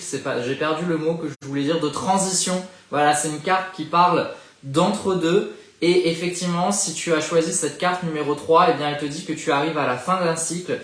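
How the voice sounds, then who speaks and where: A man giving a live oracle card reading, speaking gently and encouragingly to the listener and often pausing to search for words. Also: on the high side, reverberant. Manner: thinks aloud with frequent hesitations. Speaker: spiritual card reader.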